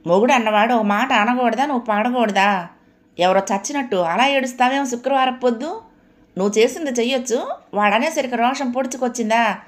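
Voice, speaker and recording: A woman voicing a sharp-tongued older mother-in-law who scolds and grumbles. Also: fairly high pitch, fairly quick, voice pushed up, close to an everyday voice. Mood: scolding. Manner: nagging, reproachful scolding.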